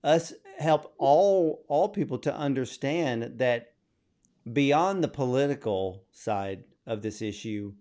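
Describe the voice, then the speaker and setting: A man conducts an interview at an even, measured pace, building up long questions. He praises the work openly before he puts the question to his guest. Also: medium pitch.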